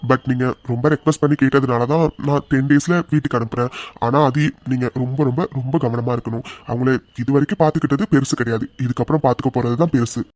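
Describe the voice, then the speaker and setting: A man voicing a calm, instructive hospital doctor in a cartoon. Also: mid-range voice, quick pace, close to an everyday voice. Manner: explanatory, mixing in English. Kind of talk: cartoon voice acting.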